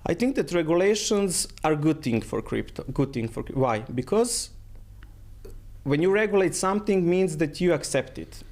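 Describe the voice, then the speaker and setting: A man's voice: a little high, animated, moderate pace, a little mellow. A middle-aged man from Croatia, a guest in a casual interview, speaking in phrasing and often repeating his words.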